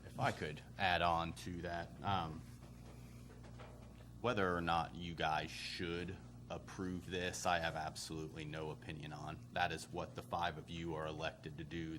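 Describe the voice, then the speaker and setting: Low-voiced, firm man advising a meeting. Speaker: legal adviser to county commissioners. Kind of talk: formal advice at a public meeting. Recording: clear background room noise.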